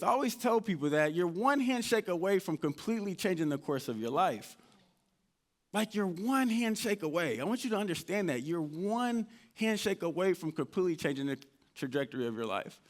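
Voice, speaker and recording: A man with a notably high voice tells his story to a live audience. He is an animated motivational speaker who plays out his own past conversations as he goes. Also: normal speed. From United States (Indianapolis). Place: event stage before an audience.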